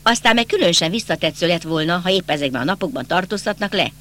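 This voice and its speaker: A man's voice: high-pitched, sharp tone, slight background noise. Man voicing a bitter, agitated young count. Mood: tense. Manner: insistent, bitter and accusing. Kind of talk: audiobook character reading.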